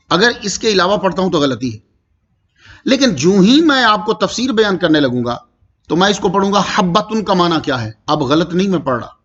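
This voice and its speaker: A man teaching a Quranic commentary lecture, reciting verses slowly and drawn out, then explaining them and asking his listeners questions. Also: high-pitched, a bit bright, dull audio.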